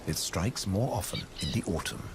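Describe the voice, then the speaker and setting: A man reading scripted nature documentary narration in a measured, storytelling way. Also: low-pitched, lively intonation, noisy background. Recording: music under the voice. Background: background music.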